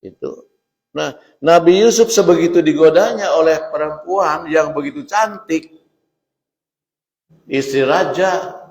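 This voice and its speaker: Sundanese-accented preacher in an echoey hall. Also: male voice, fairly high pitch. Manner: lively storytelling with laughter and asides to the audience. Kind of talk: mosque sermon mixing Indonesian and Sundanese. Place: mosque hall.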